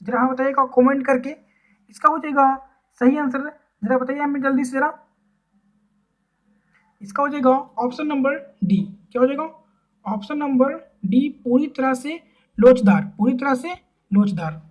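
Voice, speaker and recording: A woman teaching a quiz-style exam-prep lesson. She asks each question, then repeats the answer, with drawn-out fillers. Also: sits high. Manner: drawls and repeats words, frequent fillers.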